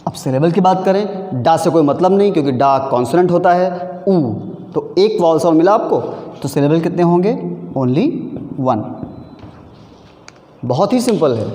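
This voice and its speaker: A man's voice: on the high side, lively intonation, a little slow, pauses often, mellow, slight background noise. Echoey patient male teacher. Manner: mixes Hindi with English, patient, addresses students as beta; asks rhetorical questions and answers them. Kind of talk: recorded exam-prep lecture. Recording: echoey room.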